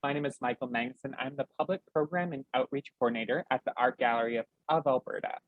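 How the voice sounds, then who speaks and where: Male host reading a formal welcome, mid pitch, dry sound. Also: quick pace, no echo, narrow, tinny audio. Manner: scripted and formal, with a slight stumble. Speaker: public program coordinator and host. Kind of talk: read introduction.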